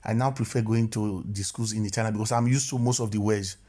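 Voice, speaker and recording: A driving instructor talks fast in a lowish, mellow, steady voice while explaining driving rules for a voice-over lesson. He's a man who keeps restarting, stumbling with a stammer each time, and he tends toward repetition and self-correction.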